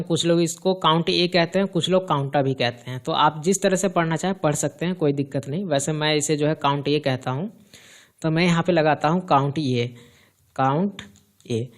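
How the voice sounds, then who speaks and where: A man explaining spreadsheet formulas step by step in a screen-recorded computer lesson, asking questions and answering them himself. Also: on the high side. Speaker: computer teacher. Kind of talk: screen-recorded software tutorial.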